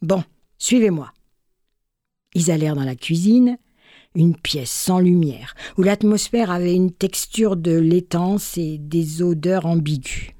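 A woman reading a literary fairy tale aloud with measured, expressive narration. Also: on the low side, dry recording, studio quality. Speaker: storyteller.

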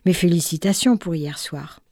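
A woman voicing a young enchanted maiden who speaks softly and with quiet composure, in a read fairy tale. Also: fairly low pitch, moderate pace, no echo, clean studio sound. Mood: composed. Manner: soft, composed, faintly sad. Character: enchanted young maiden, pale, calm and wise.

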